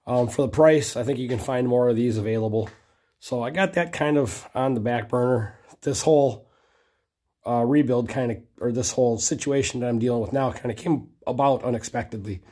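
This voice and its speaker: A hoarse man casually rambling about his motorcycle project in his garage, swearing freely. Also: mid-range voice, fairly quick, mellow. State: hoarse from a cough. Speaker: motorcycle racing vlogger. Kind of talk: casual chat. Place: home garage workshop.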